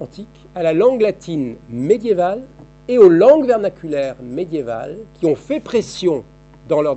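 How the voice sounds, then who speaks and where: A man in his fifties with a dark, mellow voice, giving an academic seminar lecture. He thinks aloud as he goes, circling back through halting restarts and repeated words. The sound is dull and lo-fi, like an old archive tape of a seminar room. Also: medium pitch, creaky, a little hiss or hum. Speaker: historian giving a seminar talk.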